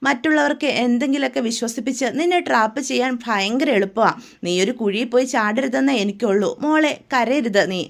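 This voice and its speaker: A woman's voice: a little high, brisk, vocal fry. A woman voicing a caring older sister who patiently advises and warns her younger sister. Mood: advising. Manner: patient, advising, repeated questions.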